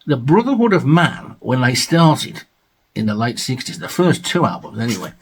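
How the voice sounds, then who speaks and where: A man's voice: mid-range voice, very animated, normal speed, slightly rough. A man from England hosting a video about his record collection, chatting casually with jokey asides and reading liner notes aloud. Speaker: vinyl collection video host.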